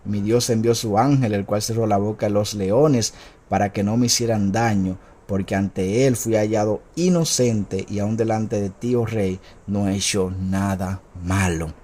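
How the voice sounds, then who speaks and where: A man's voice: on the low side, steady tone, measured pace, warm tone. A man voicing a faithful male captive prophet, who declares things solemnly in a raised voice during a Bible lesson.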